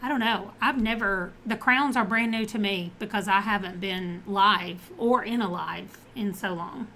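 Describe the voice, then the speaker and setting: A woman's voice: medium pitch, a little slow, bright, forceful tone, slight background noise. A woman streaming a life-sim game live, chatting casually, thinking aloud as she reads out options and answers viewers.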